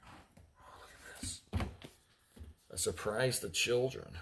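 A man's voice: fairly low pitch, huge pitch swings, takes it slowly, vocal fry, a bit bright, slight background noise. A man in his thirties, an auctioneer, chatting casually as he goes through old items, reading labels aloud and teasing his crew. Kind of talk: casual unboxing commentary. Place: indoor storage area with block walls.

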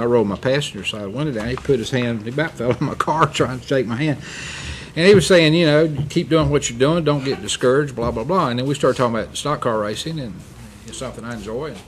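In a meeting chamber, a middle-aged county commissioner offers public meeting remarks in a mid-range voice, with slight background noise. He comes across as a candid storyteller who rambles a bit and corrects himself along the way.

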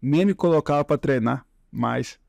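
A man's voice: mid-range voice, normal speed, gravelly, darkish tone, no echo. A Brazilian man with a Brazilian Portuguese accent, a podcast guest telling his story in a rambling, casual way full of tag questions. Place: podcast studio.

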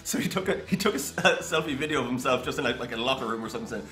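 Animated Irish man in an echoey room. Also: medium pitch, racing. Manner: animated storytelling, joking. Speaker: taste tester. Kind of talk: casual chat.

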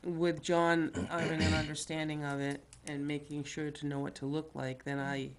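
A woman's voice: sits low, level tone, moderate pace. A woman at a town meeting, practically organizing a task and thinking aloud with fillers. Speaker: town official at a selectmen meeting. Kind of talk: casual meeting discussion. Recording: faint background noise, broadcast meeting.

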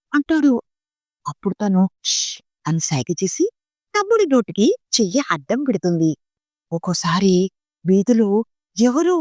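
A woman reading a short story aloud in a slow, expressive, gently dramatic way. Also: mid-range voice, no echo, studio quality.

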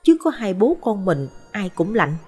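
A woman voicing a lonely, wistful little boy who muses softly in a hushed voice. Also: medium pitch, big pitch swings, unhurried, slightly rough, soft background music, full character voice. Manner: soft, whispery musing.

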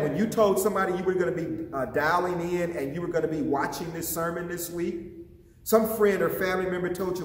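A man, an associate pastor, preaching a sermon with passion and putting questions to his listeners, recorded in a church sanctuary. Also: fairly high pitch. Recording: echoey hall, voice from a distance.

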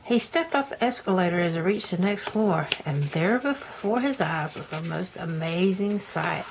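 A woman's voice: fairly low pitch, expressive, moderate pace, creaky. An older woman with a grandmotherly, folksy manner reads a children's story aloud and chats to the listener in homely asides. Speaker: storybook reader, a granny. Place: indoors, book held in front of camera. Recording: noticeable room noise.

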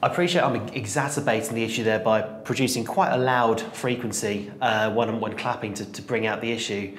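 A man with a fairly low voice explains technical points in a calm, measured way. He stands in a bare stairwell with hard walls. A flutter echo bounces between those parallel walls and rings behind each word. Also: slight background noise. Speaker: applications engineer.

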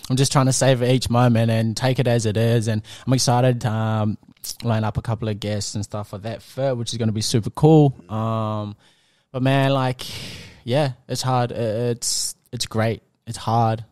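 A man's voice: mid-range voice, fairly even intonation, moderate pace, a little mellow, no room sound. A man hosting a casual podcast, talking in a laid-back, rambling way with lots of fillers on a close mic. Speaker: podcast host.

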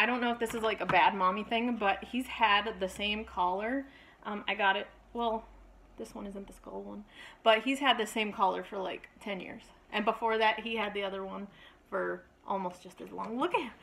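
A woman's voice: medium pitch, gravelly, a bit bright. A woman chatting casually in a home vlog, playfully baby-talking to her dog at a table. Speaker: vlogger, dog owner.

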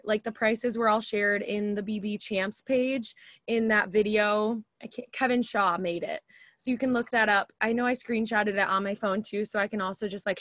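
A woman's voice: mid-range voice, a bit bright, dry recording, clean studio sound. A woman coaching her team on a video call, chatty and upbeat with lots of filler words, a little tired from short sleep.

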